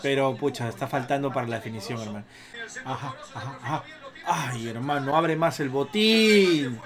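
A man in his thirties giving casual, slangy live reaction commentary on a football match, cursing and yelling at the goals. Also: medium pitch, normal speed, a crowd in the background. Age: 30s.

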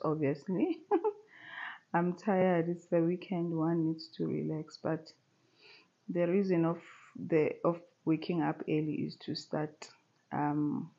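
Woman in her 30s vlogging from the couch, slow easy chat, kinda dull camera sound. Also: deep voice, vocal fry, husky. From South Africa. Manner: relaxed and chatty, unhurried with many pauses. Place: bright living room at home, seated on a sofa.

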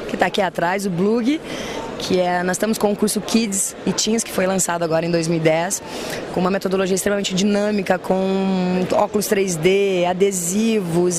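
Woman in her 30s, upbeat franchise director pitching her brand; handheld mic, busy expo hall noise behind. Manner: upbeat, promotional. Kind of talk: trade fair interview. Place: busy indoor trade fair hall. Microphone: handheld mic held by interviewer. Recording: noisy trade fair hall.

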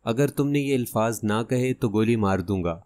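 A man voicing a cunning masked gunman in an audiobook who gives hushed, threatening orders. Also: lowish voice, no echo, close to an everyday voice. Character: menacing masked male gunman, cunning and cold.

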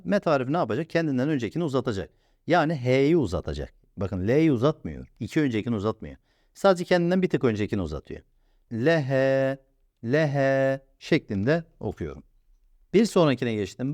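A man teaching a step-by-step lesson, patiently asking and answering his own questions and drawing out sounds slowly. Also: mid-range voice, a little mellow, no echo, clean studio sound. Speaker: Quran reading teacher.

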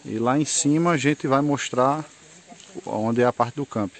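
Filming outdoors on a handheld camera, this Northeast Brazilian man narrates a casual vlog tour of a rural campsite. A moto travel vlogger, he speaks a little slowly at medium pitch, chatty and loosely rambling as he points things out.

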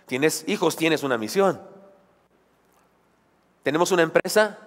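A man's voice: a little high, expressive, unhurried. A man preaching a sermon, emphatic, with rhetorical questions and joking asides. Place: church sanctuary. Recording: long church hall reverb.

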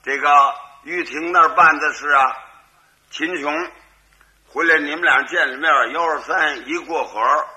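A man's voice: on the high side, unhurried, bright, forceful tone. A man performing a crosstalk comedy routine as lead storyteller, switching between his narration and character voices.

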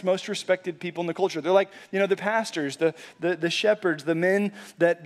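A pastor preaching a sermon in a conversational, animated way, often saying "like" and restarting phrases. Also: male voice, sits high. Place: church sanctuary.

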